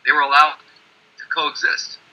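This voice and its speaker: A man with a husky, very bright and forceful voice argues emphatically in a panel discussion. His voice comes through a dull, lo-fi call line. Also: fairly high pitch, flat delivery, normal speed. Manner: emphatic, dismissive of opposing claims.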